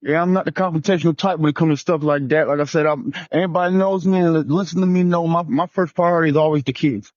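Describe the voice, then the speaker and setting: A man's voice: fairly high pitch, steady tone, quick pace, few pauses, darkish tone, no room sound, highs cut off. A man on a relationship panel, talking casually and rambling, often repeating himself. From New Jersey.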